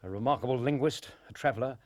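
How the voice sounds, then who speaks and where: An actor playing a courteous, concerned gentleman doctor in a detective radio play, speaking politely and earnestly. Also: medium pitch, quick pace, close to an everyday voice. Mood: earnest, dry. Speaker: actor in an audio drama.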